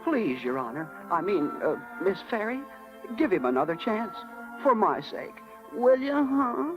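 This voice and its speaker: An actor playing a small, chummy, fussy cricket, folksy and excitable, in a 1930s radio drama. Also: mid-range voice, unhurried. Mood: pleading. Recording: dull old radio recording with music.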